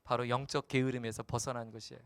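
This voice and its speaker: A male pastor preaching a sermon in a playful, animated way, slipping into character voices. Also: mid-range voice, quick pace, clean tone, no room sound.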